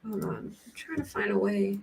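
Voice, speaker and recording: Her voice is scratchy today, medium in pitch and a little dark, with vocal fry and a moderate pace. This American woman hosts a laid-back true crime livestream, musing aloud in loose, rambling chat commentary.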